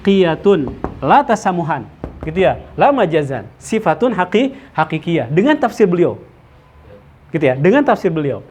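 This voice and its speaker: A man leads a study circle lesson. His voice sits high for a man. He explains slowly, with many fillers and Arabic terms, and often checks in with his listeners. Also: very animated, darkish tone, a little hiss or hum. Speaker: teacher of Islamic theology.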